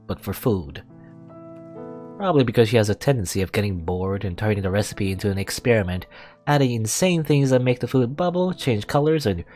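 A man with a fairly low, slightly mellow voice reads a visual novel aloud as a let's play host, music playing behind him. He adds asides, stumbles over words, and now and then corrects himself.

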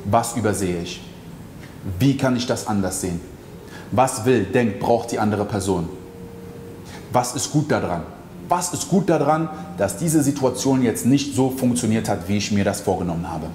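A man's voice: lowish voice, expressive, normal speed, mellow, a little hiss or hum. A man giving a motivational coaching monologue, talking straight to the listener with emphatic rhetorical questions. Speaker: mindset coach. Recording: echoey hall with faint ambience.

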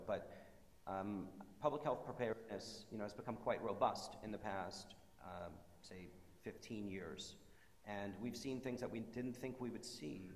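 A man in his forties, a state health official, speaking on a conference panel in a measured, diplomatic way. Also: lowish voice. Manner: measured, diplomatic, gestures while talking. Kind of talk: panel discussion. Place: conference stage in a large hall. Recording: roomy hall with long reverb.

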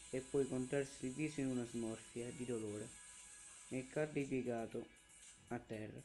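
A man with a warm, mellow voice reads a horror story aloud very slowly and carefully. Faint music plays behind him. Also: medium pitch, poor audio. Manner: slow, careful reading. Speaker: student reader.

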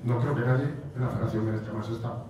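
A middle-aged man delivers an emotional farewell speech from a podium, his voice at an ordinary pitch. He was recorded from across a large stone banquet hall, so his voice rings with heavy echo. A steady hiss of noise sits under it. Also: quick pace, distant mic. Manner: emotional, heartfelt, with repeated phrases and asides. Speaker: federation president giving a farewell speech. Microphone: podium microphone, recorded by a far camera. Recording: echoey hall recorded from afar, noisy.

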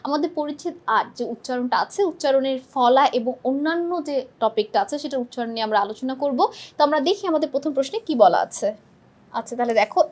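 Brief: young woman tutor, high voice, brisk exam-prep lesson, keeps asking and answering. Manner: quizzing students, answering her own questions. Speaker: teacher.

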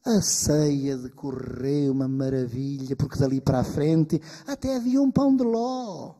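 A man telling a folk tale live on stage, lively and animated, in a long-reverb hall. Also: medium pitch, moderate pace, creaky. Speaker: storyteller.

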